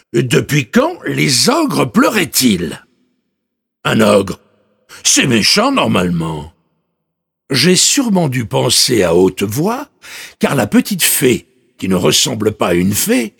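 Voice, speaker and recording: A man narrating a children's story in an expressive way, with incredulous asides. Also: medium pitch, creaky, slightly rough.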